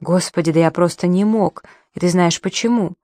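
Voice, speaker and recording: A woman's voice: fairly low pitch, normal speed, mellow, dry recording, clean studio sound, close to an everyday voice. A woman voicing a desperate pleading man. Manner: frantic, pleading.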